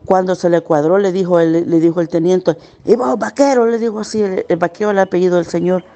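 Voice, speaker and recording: A middle-aged woman gives earnest, pained personal testimony as a witness, slowing down at the hardest parts. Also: lowish voice, fairly even intonation, dark tone. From El Salvador. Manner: earnest, pained recounting, slowing at hard moments.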